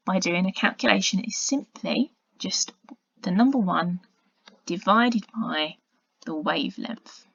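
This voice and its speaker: A woman's voice: mid-range voice, breathy edge, dry recording. Woman teacher, dull lo-fi recording. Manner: patient and explanatory, with quiet muttered asides while drawing. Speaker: science teacher. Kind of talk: recorded video lesson narration.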